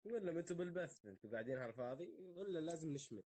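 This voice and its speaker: A man's voice: on the high side, expressive, racing, dark tone, slight background noise. A man with a Levantine Arabic accent bantering casually on a live stream in an exasperated, scolding, joking way.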